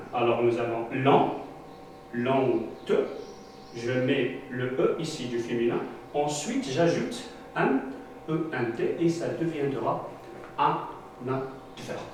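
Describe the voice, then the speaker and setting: Slow, echoey man teaching a lesson. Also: mid-range voice, a little mellow. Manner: slow, repeats and spells out words for pupils. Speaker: French teacher. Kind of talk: classroom lesson. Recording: echoey room, voice from a distance, faint hiss.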